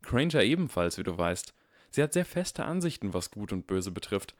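A man's voice: on the low side, big pitch swings, moderate pace, dry recording, studio quality. A man reading aloud and voicing a clever, smug boy wizard who talks in a teasing, self-assured way.

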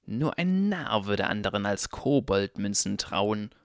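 Man voicing a sly goblin banker, gravelly, swooping pitch, slow sneering drawl, audiobook. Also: sing-song, dry recording, clean studio sound. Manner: slow, drawn-out, sneering delivery. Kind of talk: audiobook character voice.

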